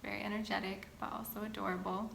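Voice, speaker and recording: A woman's voice: medium pitch, flat delivery, fast, gravelly, a bit bright. A woman in her twenties from the Boston area, chatting casually as she reads out questions and answers them at length for her vlog. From Boston area, United States. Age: 20s. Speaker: vlogger. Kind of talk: sit-down get-to-know-me chat. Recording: echoey room with faint ambient noise.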